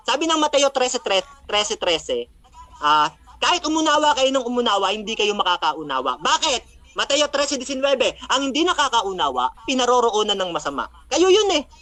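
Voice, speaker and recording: A man's voice: extremely high pitch, pushed and bright. A man acting as a religious debater, mockingly recapping a debate, taunting his opponent and citing Bible verses.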